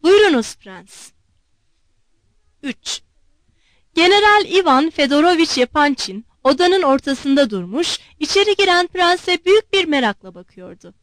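A woman narrating a classic novel as an audiobook, clear and measured. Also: high-pitched, very animated, a bit bright, no room sound. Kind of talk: scripted narration.

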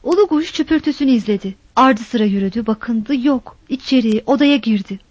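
Brief: high-voiced female storyteller, measured reading, dry and slightly dull recording. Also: animated, a little mellow, dry recording. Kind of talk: scripted narration.

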